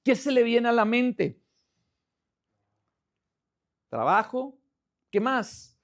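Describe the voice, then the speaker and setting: Male pastor, high voice, gravelly, preaching, asks the congregation questions. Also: expressive, drawn-out words. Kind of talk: sermon.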